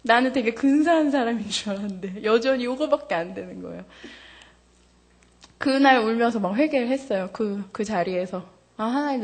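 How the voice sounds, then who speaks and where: A woman in her thirties giving a testimony to a congregation, candid and animated, laughing often, her voice jumping high when she gets excited. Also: husky. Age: 30s. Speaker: church member giving testimony.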